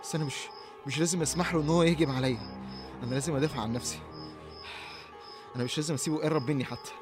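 A frightened young man, lost in dark fields in an audio horror drama, as a man acts him out, talks to himself in panicky, stammering bursts with an Egyptian Arabic accent. His voice sits fairly high and the words tumble out fast. Faint music and chirping crickets play behind him. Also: steady tone, close to an everyday voice. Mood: terrified. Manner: panicky, breathless self-talk with stammered restarts.

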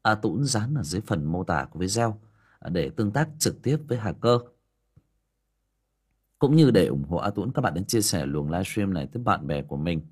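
Husky, low-voiced male storyteller. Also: fairly quick. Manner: expressive, dramatic storytelling. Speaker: audio story narrator, livestream host. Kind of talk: storytelling narration.

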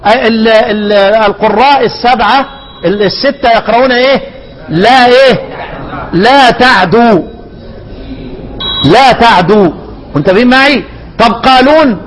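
High-voiced Egyptian sheikh quizzing students. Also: male voice, poor audio. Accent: Egyptian Arabic. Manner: quizzing students with rhetorical questions, slow chanted examples. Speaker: Quran recitation teacher. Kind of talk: classroom lesson on Quran readings.

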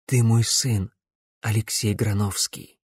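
A man reading an audiobook, voicing a stern middle-aged woman necromancer who speaks in a measured, insistent way. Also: on the low side, steady tone, darkish tone, husky, no room sound, clean studio sound.

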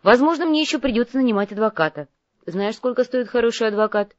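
A woman voicing a calm, shrewd young male mercenary who bargains firmly and businesslike. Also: fairly high pitch, fast, no echo, muffled recording, voice pushed up, lightly acted. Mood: bargaining.

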